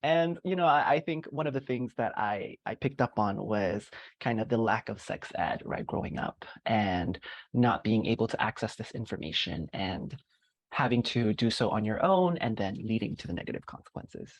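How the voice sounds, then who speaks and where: A man from Malaysia hosting a podcast interview, lively and quick to laugh. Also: fairly low pitch, no room sound. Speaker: podcast host. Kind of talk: casual interview talk.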